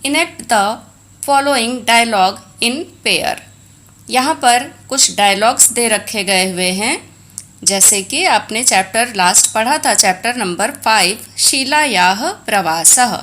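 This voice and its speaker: A woman's voice: a little high, expressive, takes it slowly, fairly bright tone. A woman with an Indian accent teaching a textbook lesson, explaining in Hindi mixed with English and reading Sanskrit aloud.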